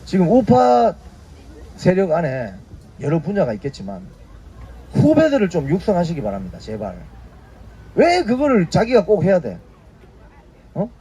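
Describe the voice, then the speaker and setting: Lively high-voiced man in his fifties. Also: normal speed, long pauses, a little hiss or hum. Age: 50s. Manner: keeps prodding listeners with tag questions. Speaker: YouTube news briefing host. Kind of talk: casual spoken commentary.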